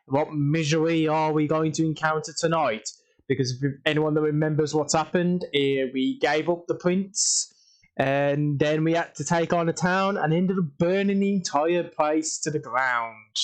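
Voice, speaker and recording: Tired guy rambling on his stream, lots of ums and restarts, voice a bit high. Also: smooth. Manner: rambling, repeats stock phrases, many ums and restarts. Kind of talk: casual livestream chat.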